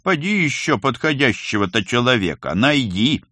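A man voicing an old male house ghost who speaks in a rustling whisper, slow and instructive, in a storybook reading. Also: medium pitch, big pitch swings, bright, forceful tone, slightly rough, no echo, clean studio sound, voice pushed up, full character voice. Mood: stern.

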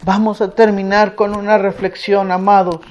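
A woman preacher addressing her congregation in an earnest sermon and telling a moving story, often dropping to a hush. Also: medium pitch, level tone. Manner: slow, earnest, drops to a hush.

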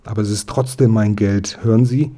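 A man's voice: on the low side, steady tone, a little fast, warm tone, breathy edge. A man voicing an indignant, eager young boy in a storybook reading, talking in agitated outbursts. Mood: urgent.

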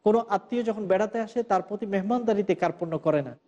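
High-voiced man preaching a sermon. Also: quick pace, warm tone, muffled recording. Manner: earnest, preaching with rising emphasis on key points. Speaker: Islamic preacher.

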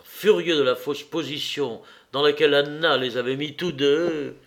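A man narrating a classic novel as an audiobook reader, in a measured, deliberate way. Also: medium pitch, vocal fry, fairly bright tone.

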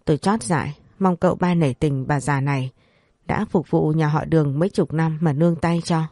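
Old nursemaid , done by a woman reader: cursing servant woman, low dark voice. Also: normal speed, dry recording, studio quality. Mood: tearful pleading. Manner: shrill cursing scold, then pleading. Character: old female servant nursemaid, scheming then tearful.

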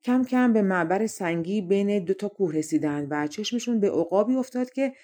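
A woman reads a fairy tale aloud for an audiobook. Her narration is steady and expressive, with a mellow, warm tone. She sits at a medium pitch for a woman.

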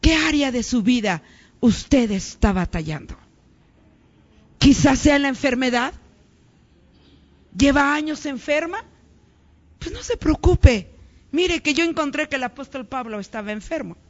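A woman preaching a fervent sermon, calling out to her congregation and rising to shouts. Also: high voice, expressive, unhurried, pauses often, dull audio.

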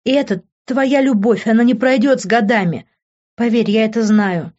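A stern but loving middle-aged mother, voiced by a woman reading aloud, lectures her grown son in a raised, insistent voice. Her tone is pitched noticeably high for the speaker. The recording sounds dull and lo-fi. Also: normal speed, darkish tone, natural voice. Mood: scolding.

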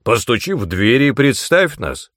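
A man voicing a gruff, sarcastic male demon mentor in an audiobook, brusque and commanding. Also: low-pitched, big pitch swings, a little slow, a little mellow, dry recording, clean studio sound, heavily acted. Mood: impatient. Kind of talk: audiobook character voice.

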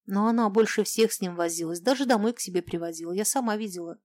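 A woman voicing a timid neighbor woman who speaks softly and hesitantly. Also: medium pitch, fast, dry recording, natural voice. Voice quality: soft, hesitant and wary.

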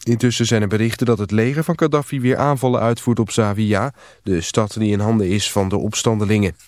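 A man's voice: on the low side, a little fast, dry recording. Formal male newsreader, dry studio. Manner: even, formal delivery. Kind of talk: scripted radio news bulletin. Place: news studio.

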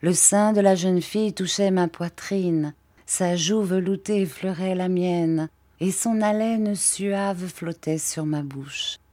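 A woman narrating a classic tale aloud with a measured, expressive delivery. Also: fairly low pitch. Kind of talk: literary story reading.

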